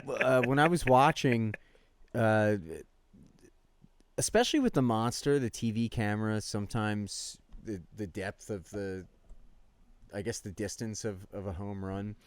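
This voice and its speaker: A man co-hosting a casual sports podcast, telling rambling, animated stories between laughs. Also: on the low side, measured pace, dry recording. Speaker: podcast co-host.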